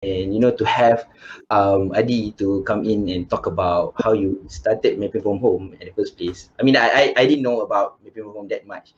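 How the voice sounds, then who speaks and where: A man's voice: fairly low pitch, moderate pace, few pauses. A man hosting a casual panel chat, rambling with many fillers and restarts. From Malaysia. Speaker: host. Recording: dull lo-fi video call with faint hiss.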